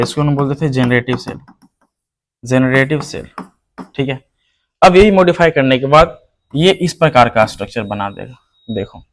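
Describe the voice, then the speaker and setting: A man teaching a biology lesson online, who asks his students questions and then answers them himself, repeating the key terms. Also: mid-range voice. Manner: calls the viewer "hero". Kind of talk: online lecture.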